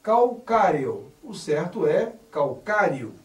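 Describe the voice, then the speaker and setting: A high-voiced man teaches grammar at a slow, deliberate pace, leaning hard on each corrected word. His voice rises and falls a lot. He sits back from the mic in an echoey room. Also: very animated, a little mellow, distant mic. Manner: spells out words carefully, stressing correct forms.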